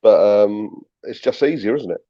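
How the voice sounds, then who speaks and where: A man's voice: fairly low pitch, lively intonation, moderate pace, dry recording, dull audio. Laughing, chatty British man. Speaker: podcast co-host. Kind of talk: casual chat.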